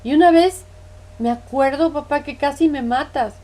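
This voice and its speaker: Woman playing a hurt middle-aged daughter confronting her parents; pleading, reproachful, voice sits a bit high. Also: moderate pace, dark tone, lightly acted. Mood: bitter. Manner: pleading, reproachful, repeats "mamá".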